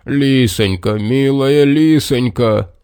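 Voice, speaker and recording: A man voicing a big blustering male bear in a children's story, with slow, drawn-out wailing and growling. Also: medium pitch, animated, mellow, dry recording, studio quality, lightly acted.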